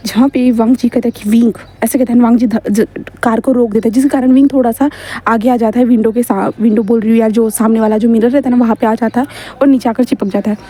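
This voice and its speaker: A woman's voice: a little high, fairly even intonation, fast talker, mellow. A woman casually reading a fan-fiction story aloud, chatty and correcting herself as she goes.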